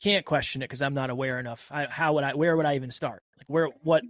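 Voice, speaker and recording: A woman's voice: rumbling low, steady tone, fast talker, no echo, clean studio sound. A woman in casual chat, giving short agreeing replies and thinking aloud.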